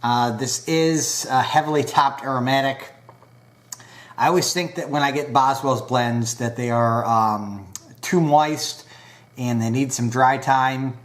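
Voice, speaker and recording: In a casual pipe tobacco review, a man with a medium-pitched voice speaks slowly and peppers his talk with filler pauses, his nose still a bit blocked from a recent cold.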